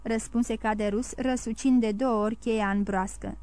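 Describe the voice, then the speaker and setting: A woman narrating a classic novel as an audiobook in a steady, measured storytelling way. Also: fairly high pitch, no echo.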